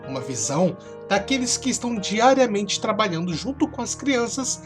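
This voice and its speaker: A woman giving scripted documentary narration in a solemn, measured way. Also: mid-range voice, sing-song. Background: music.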